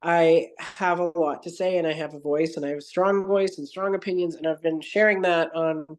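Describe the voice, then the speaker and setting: A woman with a deep, slightly mellow voice talks steadily at a normal pace as a podcast guest. In this conversational interview she narrates her story at length, earnestly wandering off topic and frequently correcting herself mid-sentence.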